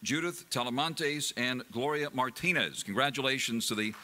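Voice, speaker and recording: Bright-voiced man emceeing an event. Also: mid-range voice. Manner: formal and measured, reading introductions. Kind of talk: scripted announcing.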